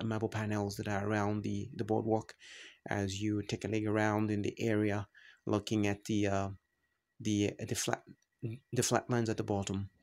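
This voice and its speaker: Low-voiced guy narrating his travel vlog, pretty monotone, lots of uhs and restarts. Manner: halting, many fillers and restarts. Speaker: travel vlogger.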